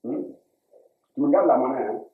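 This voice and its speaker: A man's voice: normal speed, a little hiss or hum. A man with an Ivorian French accent playing a broke father in a comedy sketch, exasperated and tagging his lines with "hein?". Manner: exasperated, lively pitch, tags lines with "hein?". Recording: tinny lo-fi audio with room echo.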